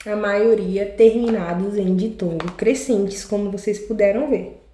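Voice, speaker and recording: A woman's voice: mid-range voice, a little slow, mellow, a little hiss or hum. A woman with a Brazilian Portuguese accent, a teacher giving a recorded grammar lesson, explaining step by step and often checking in with the class. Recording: echoey room.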